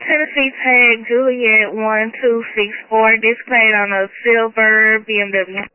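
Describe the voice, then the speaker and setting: A woman's voice: fairly high pitch, little pitch movement, measured pace, no echo. A woman working as a radio dispatcher, heard over a two-way radio, speaking in clipped procedural ten-codes and reading out plates. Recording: tinny, dry radio transmission.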